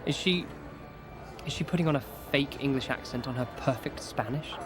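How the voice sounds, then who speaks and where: An actor playing an earnest, outspoken young student and protective friend in an audio drama. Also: male voice, mid-range voice, fairly quick, lightly acted. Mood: concerned gossip.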